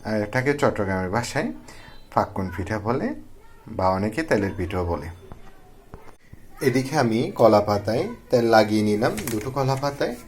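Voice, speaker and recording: A man's voice: on the low side, normal speed, long pauses, slight background noise. A young man from Bangladesh, a cooking vlogger, walks through a recipe step by step in a friendly, casual way.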